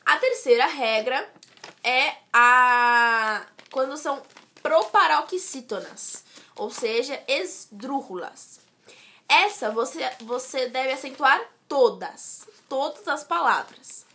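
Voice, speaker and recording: Woman, slow unhurried delivery, casual tutor explaining rules step by step. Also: sits high, expressive, pushed and bright. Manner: explains step by step, with restarts and "certo?" checks. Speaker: student tutor.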